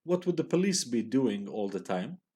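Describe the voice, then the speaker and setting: A man reading aloud the lines of a teenage boy who leads a gang, sounding quick, questioning and slightly scornful. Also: medium pitch, very animated, mellow, husky. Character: teenage boy gang leader, proud but uneasy.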